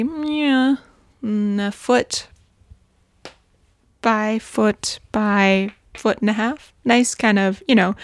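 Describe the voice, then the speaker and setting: A woman recording a casual audio diary at home on a handheld mic, talking softly and often slipping into a whisper. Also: mid-range voice, no echo. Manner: soft, often slips into a whisper. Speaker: podcast host.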